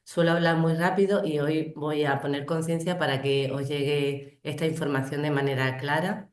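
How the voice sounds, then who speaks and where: A woman with a cold presenting a community project in an online training session, speaking slowly and deliberately. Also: low-pitched, fairly even intonation, echoey room. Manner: slow, deliberate delivery. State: has a cold.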